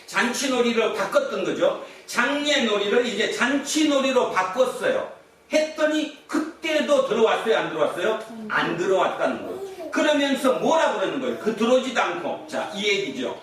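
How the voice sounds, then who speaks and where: High-voiced male pastor in an echoey church. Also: very animated, moderate pace, fairly bright tone. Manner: conversational, quizzes the congregation. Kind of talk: Sunday sermon. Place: church sanctuary. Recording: echoey hall from far off.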